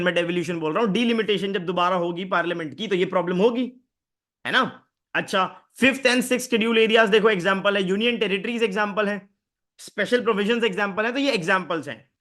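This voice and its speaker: A man's voice: sits high, a little fast, a bit bright. A young man giving a live online exam-prep lecture, explaining concepts chattily and often quizzing his students. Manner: conversational Hinglish teaching, asks students questions.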